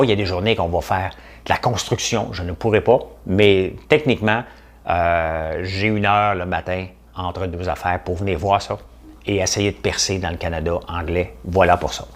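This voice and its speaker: A middle-aged man with a broad Québécois accent hosts a casual live stream, answering viewers' questions in a blunt, animated way. His voice sits a little low, and he brushes topics off with quick, dismissive asides. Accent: Québécois French. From Quebec. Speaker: host of a daily news and markets show.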